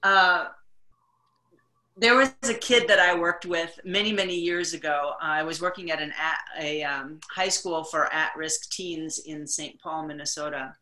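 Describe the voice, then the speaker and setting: A woman's voice: deep voice, steady tone, a little slow, bright, forceful tone, reverberant, poor audio. A woman casually telling a story from her past work, with hesitant fillers. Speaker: practitioner sharing a story. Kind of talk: casual storytelling on a video call.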